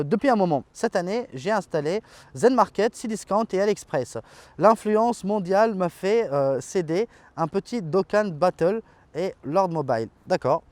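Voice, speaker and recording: A man's voice: high voice, dry recording. A man, chatting casually as a tech video host reading viewer comments, loose and informal with frequent fillers and slang. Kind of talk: casual chat.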